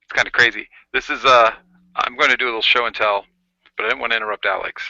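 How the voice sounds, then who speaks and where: A man's voice: mid-range voice, fairly even intonation, quick pace, creaky, bright, forceful tone, no room sound, muffled recording. Man on a gritty old carbon phone mic. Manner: playful, jokey show-and-tell. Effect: speaking through an old carbon microphone from a 1950s hotel phone. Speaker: podcast co-host. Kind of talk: casual chat.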